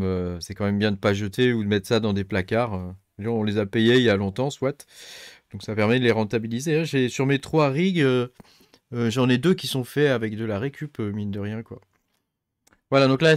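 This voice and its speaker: A man, middle-aged, hosting a casual tech tutorial, thinking aloud and filling pauses with many hesitations. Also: lowish voice, dry recording, studio quality. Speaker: tech channel host. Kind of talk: casual screen-recorded tutorial.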